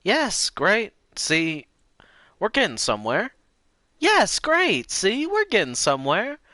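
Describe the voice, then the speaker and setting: A man's voice: high-pitched, wildly swooping pitch, slow, pushed and bright, no echo, clean studio sound, pitched above the performer's own voice, heavily acted. A man putting on the voice of a kindly, chatty elderly woman in a game playthrough. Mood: coaxing.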